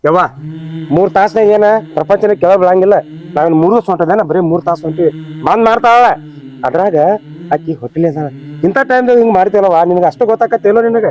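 A man playing a pleading son, fast and high. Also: darkish tone, lo-fi sound, natural voice. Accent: North Karnataka Kannada. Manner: pleading, emotional. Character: pleading young married son, torn between mother and wife. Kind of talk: village family drama skit.

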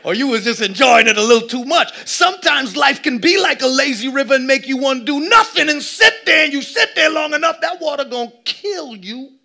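A man in his thirties preaching a lively sermon on a church stage, swinging from shouts to low asides and acting out little scenes. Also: fairly quick, gravelly, hardly any pauses. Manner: animated preaching, shifting between loud shouts and low asides. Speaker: pastor. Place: church stage with a seated audience.

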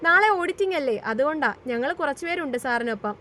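Rahul is a polite young office worker answering a call. A woman reader voices him in her own high register with little change. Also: animated, fast talker, sharp tone, a little hiss or hum. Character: young male office staffer Rahul, helpful.

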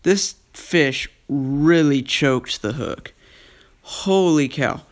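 A man's voice: on the high side, extremely slow. A man giving casual commentary on a fishing trip from a small boat, talking to viewers and to the fish. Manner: relaxed, talks to the fish and viewers. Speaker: fishing vlogger. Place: small boat on a lake, outdoors. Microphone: action camera on the boat.

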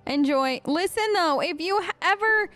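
Soft music plays behind a woman with an extremely high, expressive voice as she role-plays an elf while hosting a let's play. At a moderate pace and with a fairly bright tone, her improvised game commentary stays casual, chatty, earnest and informal.

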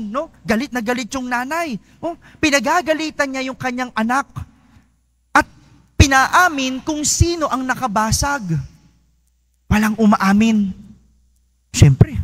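A man's voice: very high-pitched, dry recording. A priest giving a homily in a chatty way, often checking in with his listeners. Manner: conversational, asks listeners "no?" often.

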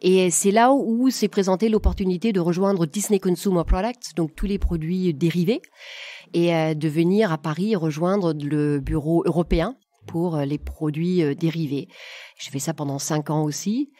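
German woman w/ foreign accent in french, kinda low voice, chatty interview guest, really dry sound. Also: moderate pace, warm tone, dry recording. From southwest Germany. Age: 50s. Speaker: podcast guest, coach. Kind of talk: casual interview storytelling.

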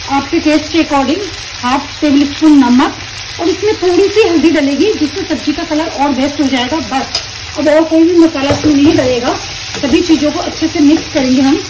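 High-voiced woman teaching home cooking. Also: distant mic, background noise. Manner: calm, explains each step while cooking. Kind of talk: step-by-step cooking instruction. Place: home kitchen at the stove.

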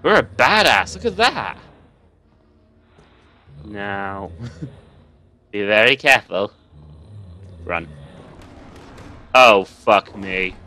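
A man's voice: on the low side, lively intonation, very slow, pauses often, bright, forceful tone. A young man, nervously commenting and swearing while playing a horror game for viewers. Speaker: gaming video host.

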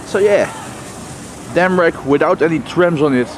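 A vlogger speaks in an unhurried voice on the high side, offering casual, wry commentary on the sights around him into a handheld camera. He's outdoors on busy city streets, and the recording clearly picks up street and traffic noise.

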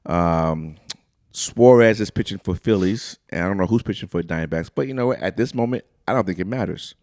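A man's voice: deep voice, brisk, darkish tone, no echo, clean studio sound. A man co-hosting a casual sports podcast, talking straight to his listeners with hyped-up energy. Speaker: podcast co-host. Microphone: studio microphone.

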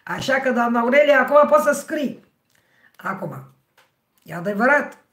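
A middle-aged woman with a hoarse, husky voice, hosting a livestream and chatting with her viewers by name. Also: on the high side, expressive, fairly bright tone. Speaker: livestream host. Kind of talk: casual livestream chat with viewers. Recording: roomy, echoey sound.

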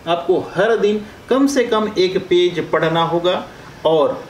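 A man's voice: high voice, slow, reverberant, slight background noise, rough recording. A man from India working as a career coach, giving a step-by-step English lesson and drawing out vowel sounds as he explains. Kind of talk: classroom-style lesson.

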